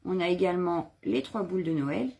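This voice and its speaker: A woman hosts a relaxed live craft session, talking through stamps and stencils in a loose, chatty way. Her voice is husky with a gravelly edge, and she often corrects herself mid-sentence. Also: lowish voice, brisk. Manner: chatty, rambling, many fillers and self-corrections. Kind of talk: casual live craft show-and-tell.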